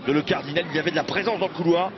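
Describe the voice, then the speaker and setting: A man calls a football match in excited sports commentary, his fairly high voice stretching the big words. The sound is dull and lo-fi, with a very loud crowd roaring behind him. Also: racing. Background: loud stadium crowd.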